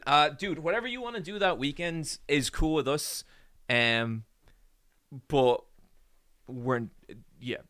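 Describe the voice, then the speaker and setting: A man in his forties, with a mid-range, gravelly, slightly bright voice, hangs out with his stream audience in casual conversation, joking and rambling with frequent ums.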